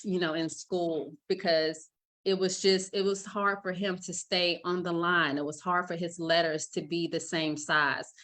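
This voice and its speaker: A middle-aged woman, an author answering interview questions in an earnest, warm way, often laughing lightly. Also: mid-range voice. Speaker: children's book author.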